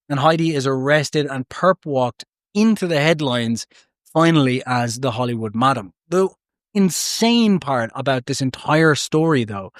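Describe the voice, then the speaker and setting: A man's voice: mid-range voice, dry recording, clean studio sound. A man hosting a podcast, narrating a true story with chatty, jokey asides that often break off mid-thought. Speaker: podcast host.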